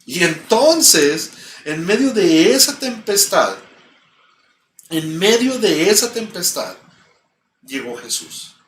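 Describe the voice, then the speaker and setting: A Mexican man preaches in a high, bright voice, repeating key phrases for emphasis at an unhurried pace. He is heard from some distance in a reverberant church, with a faint hum behind him. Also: sing-song. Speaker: pastor. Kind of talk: sermon. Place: church sanctuary.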